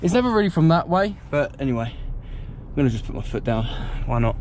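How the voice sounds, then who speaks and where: The speaker is a young man with a British accent, driving and chatting loosely to his audience for a car vlog. His medium-pitched voice is sing-song, brisk and a little mellow, with slight background noise from the head-mounted action camera inside the car.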